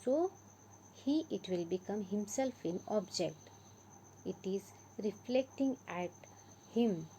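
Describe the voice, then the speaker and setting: A woman's voice: medium pitch, mellow, slight background noise, poor audio. Indian woman teacher explaining grammar. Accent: Indian English. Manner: repeats and explains examples patiently, stresses key words. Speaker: English teacher. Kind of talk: classroom grammar lesson.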